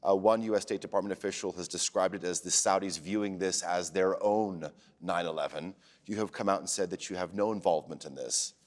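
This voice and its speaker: A man's voice: sits low, a little fast, few pauses, long reverb tail. A man hosting a broadcast current-affairs interview, putting formal questions to a guest. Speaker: interviewer, TV host.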